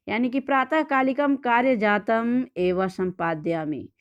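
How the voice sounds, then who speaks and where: Clear-voiced woman explaining a Sanskrit lesson. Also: medium pitch, muffled recording. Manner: reads a Sanskrit line, then explains it word by word. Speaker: Sanskrit teacher. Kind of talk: line-by-line textbook explanation.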